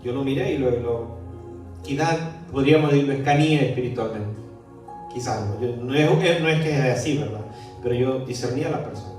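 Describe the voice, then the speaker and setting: A male pastor preaching a sermon, swinging between emphatic declarations and quiet, confiding storytelling. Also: brisk. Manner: preaching with rising emphasis, then dropping to a low confiding tone for anecdotes. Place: church hall. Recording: echoey church hall, mic from a distance, faint music.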